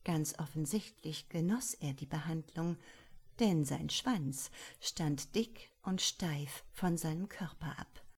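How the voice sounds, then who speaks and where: A woman reading a story aloud as scripted audiobook narration, soft and measured. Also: sits low, husky. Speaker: audiobook reader.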